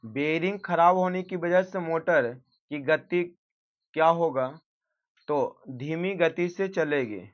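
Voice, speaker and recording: A man's voice: on the high side, slow. A male teacher working through an exam practice set, reading each question aloud and then giving the answer, sometimes correcting himself. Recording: dull lo-fi recording.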